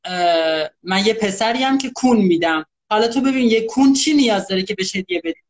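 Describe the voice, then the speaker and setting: A man's voice: high voice, animated. A male host of a live chat, teasing his guest in a mock-polite way.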